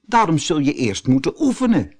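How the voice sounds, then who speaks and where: A practical older wife talks calmly and reasonably in a lifted, lively voice, as a man puts her on for a storybook. Her advice comes plainly and steadily. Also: on the high side, moderate pace, voice pushed up. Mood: sensible.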